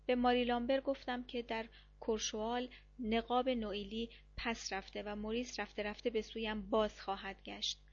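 A woman with a slightly high voice reads a first-person diary story at a steady, measured pace. Her narration is calm and even throughout. The recording sounds muffled and lo-fi, with the top end dulled. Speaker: audiobook narrator. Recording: dull lo-fi recording.

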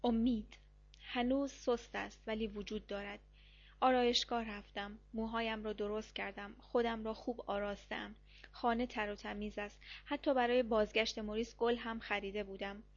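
A woman with a slightly high voice reads a first-person diary story at a steady, measured pace. Her narration is calm and even throughout. The recording sounds muffled and lo-fi, with the top end dulled. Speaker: audiobook narrator. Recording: dull lo-fi recording.

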